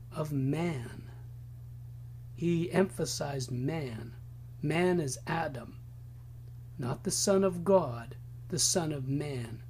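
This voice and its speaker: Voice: mid-range voice, slight background noise. A preacher giving an emphatic Bible-teaching sermon who laughs often.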